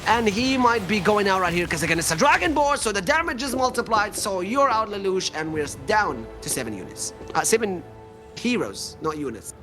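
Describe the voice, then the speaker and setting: A man giving lively play-by-play commentary on a live esports match, his voice leaping up on big moments. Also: brisk. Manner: excitable play-by-play, pitch leaps on big moments. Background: background music.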